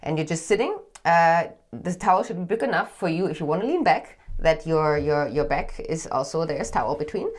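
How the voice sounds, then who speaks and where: Brief: German woman, 30s, low voice, co-host explaining in a home sauna room. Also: lively intonation, fairly quick, few pauses. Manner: explaining with many fillers and restarts. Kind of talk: casual chat.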